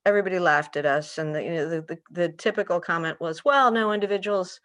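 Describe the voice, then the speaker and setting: A woman's voice: lowish voice, quick pace, a bit bright, no room sound. An older woman from Peru, a guest economist, talking eagerly and at length on a video call from her home, with frequent restarts. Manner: enthusiastic, talkative, frequent restarts. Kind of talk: conversational interview answers. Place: home room with curtains and window.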